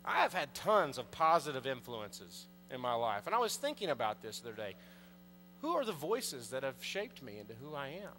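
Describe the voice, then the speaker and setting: Bright-voiced priest preaching in a reverberant church. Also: male voice, medium pitch, very animated, moderate pace. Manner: conversational preaching, asks the congregation questions. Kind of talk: sermon. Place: large church, indoors. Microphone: pulpit mic, far camera. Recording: long church reverb, faint mains hum.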